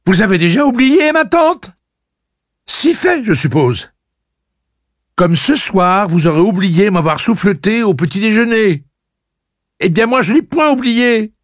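A man reading aloud voices a furious, defiant young woman who shouts her accusations in a shrill voice. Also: sing-song, measured pace, pauses often, no room sound, studio quality. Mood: accusing.

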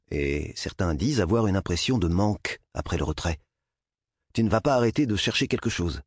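A man voicing a middle-aged doctor explaining a procedure in a measured, clinical way. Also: lowish voice, slightly rough, dry recording, studio quality.

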